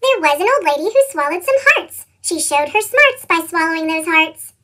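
A chipmunk storyteller with a tiny, extremely high helium voice. The sound is squeaky and very bright. It recites a children's storybook in a playful, rhythmic sing-song. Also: lively intonation, moderate pace, exaggerated voice. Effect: pitched-up chipmunk helium voice filter. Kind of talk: scripted children's storybook read-aloud.

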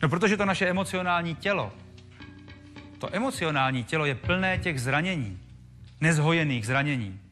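A man gives an animated, jokey talk to an audience, and his voice swoops up and down as he tells his stories. He speaks a little higher than most men. Music plays clearly in the background. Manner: animated, jokey, acts out the characters. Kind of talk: lively storytelling talk to a live audience. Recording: music playing behind.

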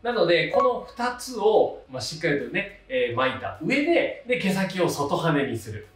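Very animated and on the high side, this man in his thirties speaks at a moderate pace as he politely and casually explains a hair tutorial step by step for his channel. The recording has a roomy echo, a distant mic, and soft background music.

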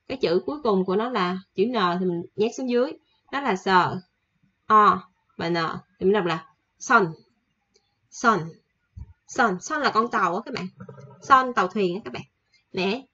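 Husky-voiced woman teaching casually. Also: medium pitch, fairly bright tone, lo-fi sound. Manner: chatty, repeats examples slowly with fillers. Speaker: Korean language teacher. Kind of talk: casual online lesson.

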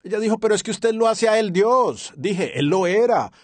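Brief: man interpreter for a sermon dub, husky, earnest, lively intonation; dry studio voice-over. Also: high voice, normal speed, dry recording. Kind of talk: dubbed sermon translation.

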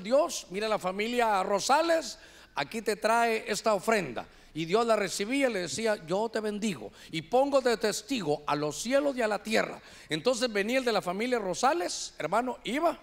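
A man with a Honduran accent preaching a sermon to his church, animated, often calling the listeners "hermano". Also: high voice. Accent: Honduran Spanish. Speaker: pastor.

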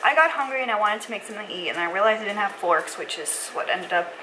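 A woman's voice: medium pitch, expressive, fast talker. Young woman vlogger, noisy home recording. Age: young adult. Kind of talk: casual chat to camera. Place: room at home. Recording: noisy room sound.

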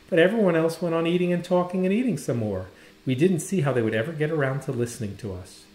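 Expressive man reading a picture book aloud. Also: a little high. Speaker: storybook reader. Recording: roomy echo.

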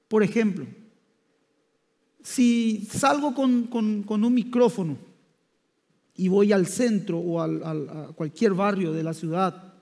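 High-voiced pastor preaching in a hall. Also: male voice, a little mellow. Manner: halting, with many restarts and "diríamos" fillers. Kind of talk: sermon. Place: church hall. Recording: long church hall reverb.

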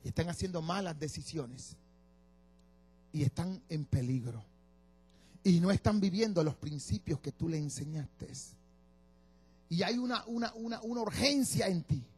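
Preacher guy, husky voice, pretty high, calls and gets the crowd to repeat after him. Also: lively intonation, a little slow, pauses often, darkish tone, faint music behind. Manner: exhorting, call-and-response with the congregation. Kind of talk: sermon.

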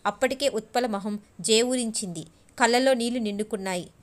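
A woman narrating a novel as an audiobook, in steady, measured storytelling. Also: on the high side. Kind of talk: novel reading.

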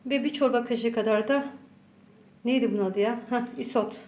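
This cooking channel host talks at a moderate pace in a voice on the high side, treating her audience as friends while she cooks at home in a relaxed tutorial. A roomy echo and faint background noise are audible.

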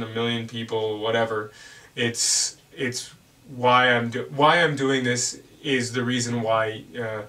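Earnest young man vlogging, bright voice. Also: medium pitch, distant mic. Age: young adult. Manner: rambling, earnest, many fillers and restarts. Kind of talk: casual reflective vlog.

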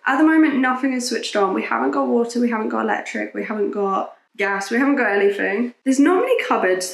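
A woman's voice: on the high side, vocal fry, slight background noise. A woman in her twenties, vlogging casually to a handheld camera at arm's length in an empty small house, chatty and upbeat. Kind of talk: casual vlog narration. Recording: echoey empty rooms.

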